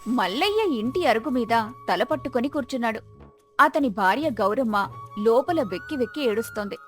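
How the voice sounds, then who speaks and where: A woman telling a moral story in scripted, measured narration. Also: on the high side, animated, soft background music.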